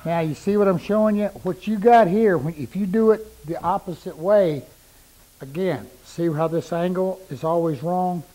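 A man's voice: high voice, normal speed, warm tone, low-quality recording. A middle-aged man demonstrating cuts in his woodworking shop, plain-spoken and repeating points for emphasis while he works, on a lapel mic. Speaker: woodworking instructor. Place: woodworking shop with power saws.

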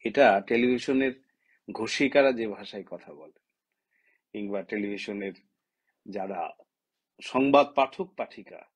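A man's voice: lowish voice, husky. A man from Bangladesh, a writer, giving a direct-to-camera opinion talk full of impassioned rhetorical questions.

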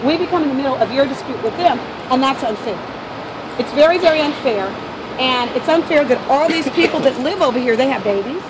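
An American woman who lives locally confronts a protester on a city street beside traffic, arguing and negotiating insistently, often repeating herself and cutting in. Her voice is high with lively intonation and a fairly quick pace. It was captured on a handheld phone camera, and the street noise is heavy.

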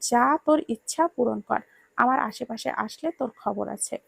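Woman reading a snappy young husband, gravelly low-fi voice, dry sound. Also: expressive, moderate pace, no echo, exaggerated voice. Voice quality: gritted, scolding delivery. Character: young hot-tempered teasing husband.

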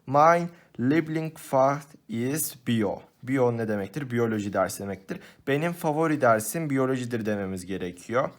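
Male teacher, mid pitch, patient step-by-step exam walkthrough. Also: lively intonation, normal speed, hardly any pauses. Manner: patient, step-by-step explaining, addresses students as friends. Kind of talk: exam-prep lesson walkthrough.

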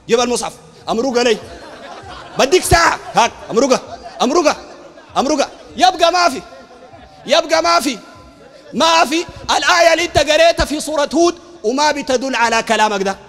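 In a heated public debate in a large university hall, a preacher with a Sudanese Arabic accent argues emphatically, frequently shouting and repeating phrases. His voice is very high-pitched.

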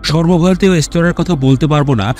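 A man reading a scripted news voice-over in an even, reading tone. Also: on the high side, fairly quick, faint music behind. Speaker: news narrator.

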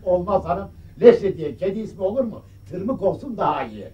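An actor playing a mild, teasing middle-aged son in a comedy sketch. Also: male voice, high-pitched, very animated, brisk, recorded from a distance, muffled recording.

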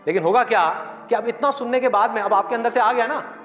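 Male motivational speaker, high-pitched, rhetorical and playful, recorded live in a reverberant hall. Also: quick pace, a bit bright. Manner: rhetorical, playful, questions the audience. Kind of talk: live motivational talk to students. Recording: echoey hall, live audience, faint music.

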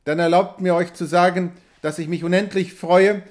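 Ein Mann gibt einen schmeichelnden Schwindler, laut und hoch. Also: male voice, high-pitched, steady tone, moderate pace, close to an everyday voice. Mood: eager. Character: smooth-talking swindler posing as trapper, man.

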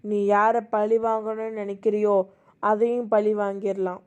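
A woman voicing a scheming older woman who calmly gives orders in an amateur voice drama. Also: mid-range voice, moderate pace, clear, resonant tone, lo-fi sound, close to an everyday voice. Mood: commanding. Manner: calm, commanding, instructive.

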